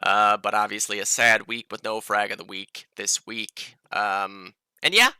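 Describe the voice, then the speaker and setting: A podcast host with a stuffy, nasal voice from a cold, giving a casual, profane preview of an esports match with plenty of fillers. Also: male voice, on the low side, level tone, a little slow, bright, forceful tone, smooth, no echo.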